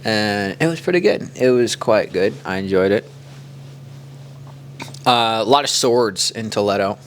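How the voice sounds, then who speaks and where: A man from the Kansas City area co-hosts a podcast, his voice sitting on the low side. He tells stories in a relaxed, rambling way, leaning on fillers as he goes. Faint steady noise sits under the track. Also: measured pace. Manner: relaxed storytelling, loose with "like". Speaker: podcast co-host. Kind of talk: casual chat.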